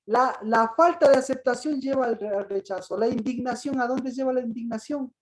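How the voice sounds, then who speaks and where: A woman preaching a sermon in a high voice, throwing the same question back at her congregation again and again. She slips into the voices of the people she quotes, raising her tone to act them out. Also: a little fast, rough recording. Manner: asks the congregation repeated questions; acts out quoted voices with rising emphasis. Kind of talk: interactive sermon.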